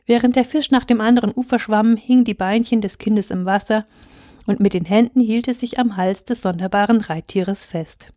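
A woman reading a fairy tale aloud in calm, measured scripted narration. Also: mid-range voice, no echo, clean studio sound. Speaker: reader.

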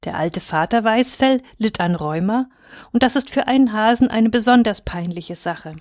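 A woman narrating a fairy tale aloud in a measured, expressive storytelling manner. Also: a little high, no echo, studio quality.

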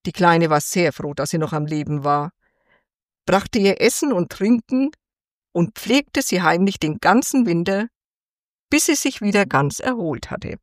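A woman reads a fairy tale aloud for children, unhurried and gentle. Her pitch rises and falls with lively expression, and her voice sits a little low. The sound is dry and close. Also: no echo. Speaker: storyteller.

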